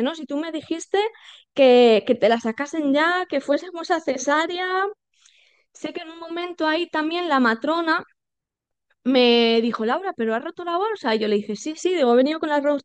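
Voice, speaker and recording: A woman, telling her birth story as a podcast guest, animated and acting out quoted dialogue with many fillers. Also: high voice, dry recording. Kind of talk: personal birth story told in conversation.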